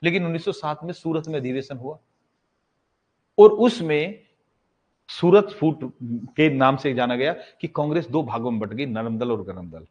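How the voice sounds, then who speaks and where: A man's voice: medium pitch, expressive, normal speed, darkish tone. A male teacher giving an exam-prep history lesson in a casual way. He asks a question, answers it himself and repeats the key facts. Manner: casual, addresses students as bhai. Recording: slightly dull lo-fi sound.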